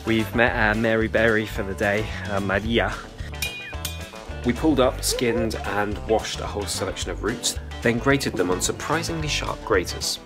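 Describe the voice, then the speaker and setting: A man's voice: on the low side, normal speed. A young man giving a jokey, wry travel vlog commentary on a rainforest trip. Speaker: travel vlogger. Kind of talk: casual travel vlog narration. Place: outdoors in tropical rainforest. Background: music.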